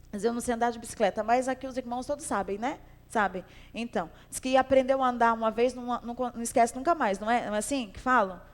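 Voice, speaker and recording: A woman pastor teaching a Sunday school Bible class in a conversational way, asking the class questions and repeating her phrases. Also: fairly high pitch. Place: church hall. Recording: long hall reverb.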